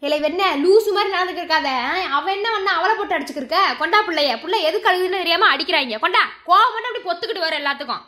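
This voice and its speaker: A woman's voice: extremely high pitch, bright, forceful tone. A woman playing a stern grandmother who scolds her son and protects her daughter-in-law in a family skit. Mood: scolding. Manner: scolding and bossy, rapid commands. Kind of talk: amateur village drama acting.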